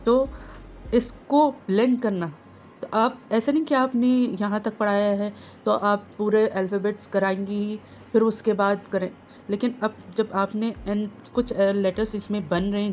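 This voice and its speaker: A woman gives a home phonics lesson for parents, stretching each letter sound out slowly so it can be copied. Her voice sits at an ordinary middle pitch. Faint music plays underneath her. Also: steady tone, darkish tone. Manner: slow, drawn-out sounding of letters.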